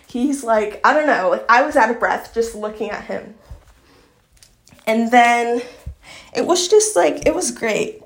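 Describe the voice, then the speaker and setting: Rambly young woman vlogging, lots of likes and fillers, roomy echo. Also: a little high. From Long Island, New York. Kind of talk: casual vlog chat. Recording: echoey room.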